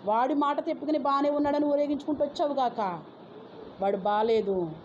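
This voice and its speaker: A woman's voice: sits high, a little fast, darkish tone. A woman, a pastor's wife, telling a dramatic testimony in a sermon and scolding her listeners. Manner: scolding, dramatic storytelling with acted quotes. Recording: dull lo-fi recording with faint noise.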